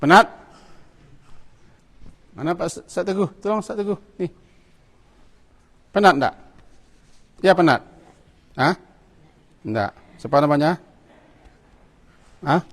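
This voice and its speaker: A religious teacher shows students how to pray in a mosque prayer hall, giving short commands and coaxing them through the hands-on lesson. His fairly high, fairly bright voice is lively in intonation but slow, with long pauses, and the hall adds long reverb.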